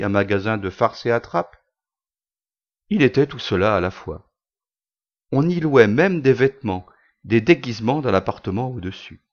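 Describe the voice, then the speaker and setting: A man reading a short story aloud in a measured, unhurried way. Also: on the low side. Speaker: narrator. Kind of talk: scripted story narration. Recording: dull lo-fi recording.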